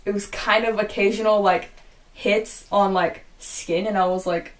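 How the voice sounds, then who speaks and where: A young woman casually telling a storytime vlog, rambling with lots of "like" and swearing, and quoting her own reactions in a hushed voice. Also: medium pitch, fairly even intonation, measured pace. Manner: rambling, heavy use of "like", frequent swearing. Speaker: vlogger.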